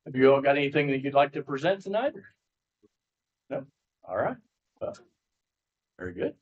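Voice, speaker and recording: An easygoing man runs a small-town council meeting in plain, folksy words. His voice sits at a middle pitch. The livestream audio is muffled and dull. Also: big pitch swings, moderate pace. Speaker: council president chairing meeting. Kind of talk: casual meeting chair talk. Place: town hall meeting room.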